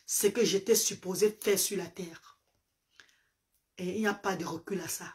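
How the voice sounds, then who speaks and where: A Medumba-speaking woman, a live-stream host and parent advocate, delivers an impassioned social-media address in a fervent, preacherly style packed with emphatic repetitions. Her voice is lowish and darkish in tone, with fairly even intonation and a moderate pace. She sits on a sofa in a small indoor room, recorded by a phone camera at close range.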